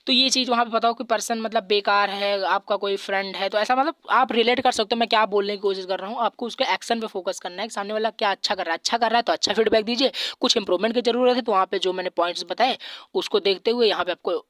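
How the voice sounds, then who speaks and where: A male teacher giving an exam revision lecture. He explains patiently, repeats himself often with many fillers, and reads English lines out slowly. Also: high-pitched, fairly even intonation, a bit bright, no echo, poor audio.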